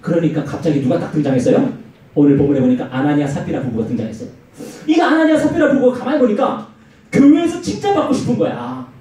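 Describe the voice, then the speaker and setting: A man preaching a youth sermon in a church, telling stories and acting out the quotes. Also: fast talker. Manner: animated storytelling with acted-out quotes and swinging pitch. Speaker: youth pastor. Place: church hall. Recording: very echoey hall, mic far off.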